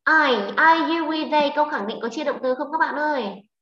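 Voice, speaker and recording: A woman English teacher with a Vietnamese accent, leading a class online, brisk and prodding students with questions. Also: high voice, sharp tone. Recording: echoey, lo-fi online class audio.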